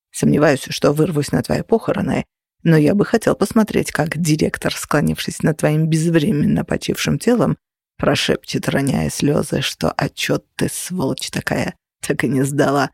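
A narrator voicing a mocking, menacing young man who threatens softly and sneers, in an audiobook. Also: on the high side, gravelly, slightly rough, no echo, studio quality, voice pushed down. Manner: sneering, quiet and unhurried threats. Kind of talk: audiobook character voice.

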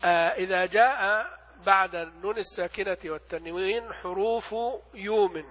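A man with a high, bright voice gives a teaching lecture on a classical text. He poses questions and answers them himself, and drags out the worked examples slowly. The sound carries a long hall reverb. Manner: explains by asking and answering his own questions, recites examples slowly. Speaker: religious teacher.

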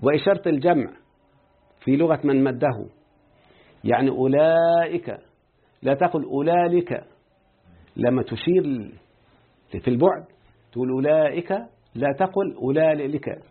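A man's voice: medium pitch, animated, moderate pace, pauses often, husky. A man with an Egyptian accent teaching Arabic grammar, explaining a text and quizzing his students as he goes. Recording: tinny phone-like lo-fi audio.

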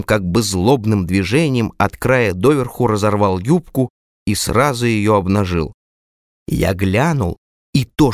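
A man reading a literary audiobook aloud in the first person, expressive and dramatic. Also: lowish voice, no room sound, clean studio sound. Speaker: audiobook reader.

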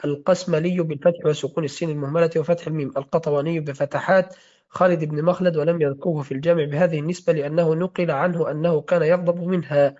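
A man's voice: fairly high pitch, fairly even intonation, fast talker, darkish tone. A man reading a classical hadith-studies text aloud in a lesson, steadily spelling out names and their vowels. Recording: dull lo-fi recording.

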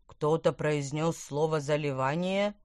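A woman's voice: sits low, a little slow, darkish tone, dry recording. A woman voicing a cheeky fat carp. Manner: gurgling, dry asides.

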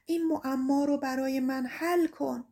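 A woman's voice: high voice, fairly even intonation, mellow. A woman voicing a lovesick young shepherd, pleading. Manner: pleading, calling out, raised and earnest.

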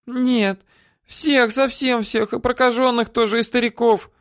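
For an audiobook character, a man raises his voice to a very high, fairly bright pitch above his natural range, speaking at a measured pace with fairly even intonation. The frightened woman he voices whimpers, whines, squeals and pleads, recorded in studio quality without echo.

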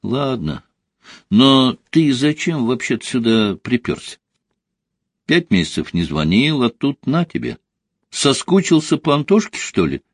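A scornful young woman, expecting a child, snaps back in lifted, lively tones, as a man reading the story puts her on. Her voice is slightly husky and sounds dry and close. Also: mid-range voice, unhurried, no room sound, voice pushed up, heavily acted. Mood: irritated. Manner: curt and scornful. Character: sharp-tongued young pregnant woman, hostile.

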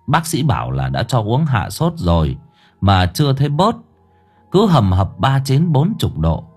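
A man narrating a ghost story in an expressive, lively storytelling manner. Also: medium pitch, a little slow, husky, soft background music. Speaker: audiobook narrator.

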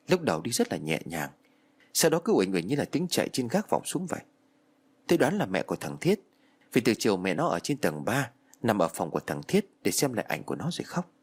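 A man narrating a first-person ghost story in a lively, dramatic storytelling manner. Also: lowish voice, breathy edge.

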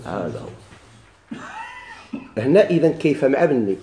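Teaching a grammar lesson, a man with a Moroccan Arabic accent questions his class and answers himself. His mellow, medium-pitched voice has big pitch swings at a moderate pace, with a little hiss or hum and an echoey room.

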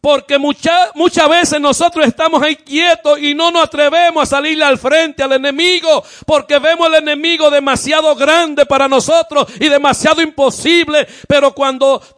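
A man preaching a fervent sermon as pastor, often shouting and repeating his calls to the congregation. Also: very high-pitched, fairly even intonation, moderate pace, few pauses, no room sound, clean studio sound. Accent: Caribbean Spanish.

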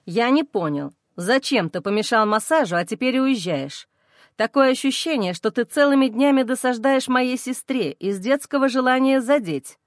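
A woman's voice: medium pitch, lively intonation, normal speed, dry recording, studio quality, voice pushed down, natural voice. A woman voicing a stern, commanding man in an audiobook, speaking in a harsh, metallic tone. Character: stern commanding man, protective older brother.

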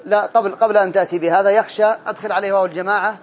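A man's voice: sits high, steady tone, very fast. A man teaching a classroom grammar lesson, drilling students, calling on them by name and correcting their answers. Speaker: teacher of Arabic morphology. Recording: dull lo-fi classroom recording.

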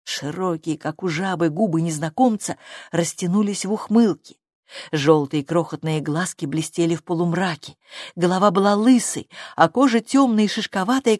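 A woman narrating a storybook in a steady, even reading voice. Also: fairly low pitch, no echo, clean studio sound.

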